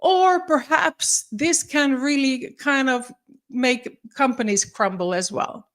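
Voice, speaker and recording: Slow and high-voiced with a bit of brightness, a woman from Finland in her forties speaks on a live stream as a psychologist and leadership coach. Her friendly talk has slightly formal wording and is full of ums and fresh starts.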